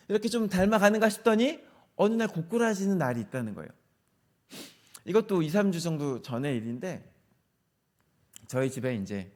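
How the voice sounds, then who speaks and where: A middle-aged male pastor preaching in a relaxed, conversational way to a youth service. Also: sits high. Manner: conversational, acts out quoted dialogue. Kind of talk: sermon.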